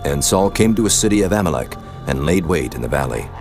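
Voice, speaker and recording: A man's voice: very deep voice, animated, fast, over music. A man narrating dramatized scripture in a solemn, formal storytelling manner.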